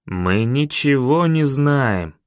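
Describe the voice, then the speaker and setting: A man voicing a calm, stern older leader who speaks in a measured, grave way. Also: medium pitch, clean tone, no room sound, studio quality.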